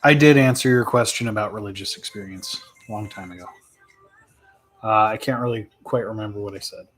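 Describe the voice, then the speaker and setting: A man streaming live and answering viewer questions in a relaxed, rambling way, thinking aloud with plenty of fillers and laughs. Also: on the low side, a little fast, faint music behind. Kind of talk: casual live chat.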